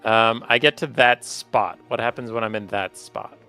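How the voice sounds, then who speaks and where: A man's voice: lowish voice, fairly even intonation, normal speed, pushed and bright, smooth. A man playing a tabletop game, talking casually through his turn. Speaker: player. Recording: faint music behind.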